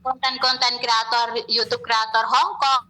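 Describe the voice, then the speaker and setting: A woman's voice: a little high, flat delivery, unhurried, pushed and bright, low-quality recording. A woman working as a domestic helper, answering deferentially in a casual phone chat. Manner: deferential, short eager replies. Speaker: migrant domestic worker.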